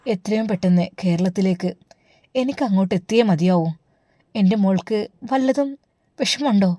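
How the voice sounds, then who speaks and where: A woman's voice: mid-range voice, normal speed, warm tone, no room sound, natural voice. A woman doing a tender anxious older mother. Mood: worried. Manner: tender, pleading, affectionate. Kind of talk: storybook dialogue.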